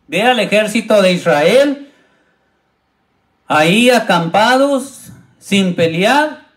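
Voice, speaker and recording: Pastor, male, high voice, unhurried sermon delivery, retells the story and voices the people in it. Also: animated. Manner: retells a Bible story, acting out the quoted speakers in raised voices; addresses the congregation directly.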